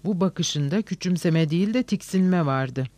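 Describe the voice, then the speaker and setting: Male narrator, measured novel reading, dry close sound. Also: high-pitched, animated, a little mellow, no echo.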